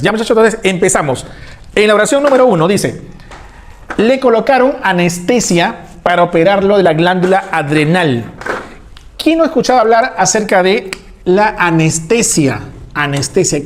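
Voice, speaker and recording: High-pitched man teaching a class, animated, asks questions and answers them himself. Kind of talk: classroom lecture.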